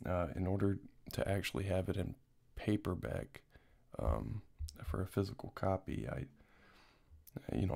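A man's voice: low voice, creaky, warm tone. A man talking casually to viewers as an author, in a hesitant, rambling way. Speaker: book author introducing own work.

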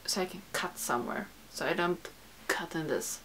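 This beauty YouTuber, a young woman who isn't a native English speaker, talks casually to camera while answering a tag in a small indoor room full of makeup shelves. Her voice is lowish and fairly bright at a moderate pace, with some hiss or hum in the audio. She rambles, corrects herself, and uses "like" often.

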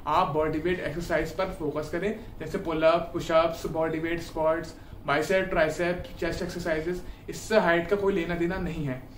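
A young man from India talks earnestly to the camera, urging his viewers on with a fairly high voice. The sound is roomy and a little distant, picked up by a camera mic a few feet away in a small room at home, with faint ambient noise. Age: 20s. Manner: earnest, encouraging, addresses viewers directly. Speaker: fitness YouTuber. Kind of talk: casual advice talk to camera. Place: small indoor room at home, seated on a bed.

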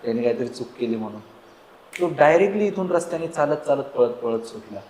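A man hosting a casual conversation, telling stories in a relaxed, agreeable way. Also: medium pitch, quick pace. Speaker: host. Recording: echoey room with faint background noise.

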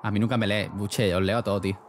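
A man's voice: fairly low pitch, level tone, quick pace, a little hiss or hum. Rambling young streamer man. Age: young adult. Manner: rambling, slangy, laughs often. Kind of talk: casual chat reading live chat.

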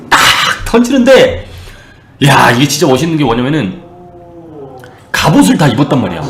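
A man casually retelling a Bible story to a live chat, animated and slipping into character voices. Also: fairly high pitch, reverberant, a little hiss or hum.

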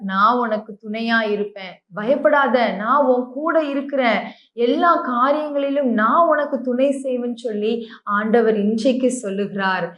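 A woman preacher delivers a devotional sermon and prayer in a tender, pleading way, her voice sitting high. The recording is echoey and a little dull, with the top end rolled off. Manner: tender, pleading, addresses listeners as dear children.

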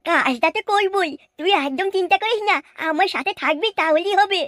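Fata, a very high-pitched cocky kid. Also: a little fast, no echo, clean studio sound. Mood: scheming, gleeful. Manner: boastful, taunting. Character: cocky, scheming cartoon kid named Fata, gleefully vengeful. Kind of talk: comic cartoon dubbing. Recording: loud music under the voice.

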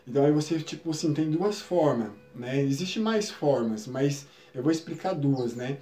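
Calm man teaching in an echoey room. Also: fairly high pitch, moderate pace, faint music behind. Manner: calm, explanatory, frequent tag questions. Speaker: spiritual teacher. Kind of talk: live-stream spiritual lesson.

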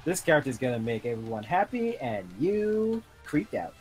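Stream co-player, mid-pitched and animated, teasing banter. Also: normal speed, faint music behind. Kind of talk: casual gaming stream chat.

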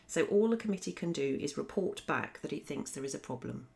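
Low-voiced woman teaching law revision. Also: expressive, fairly quick, a little mellow. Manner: clear, methodical explaining. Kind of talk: scripted revision lesson narration. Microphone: voice-over.

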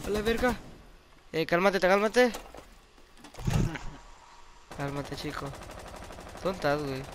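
A man with a Mexican accent, loudly commenting on his own gameplay at home, swearing and shouting at other players. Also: high-pitched, takes it slowly, noisy background. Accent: Mexican Spanish. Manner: loud, excitable, swearing. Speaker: gamer youtuber.

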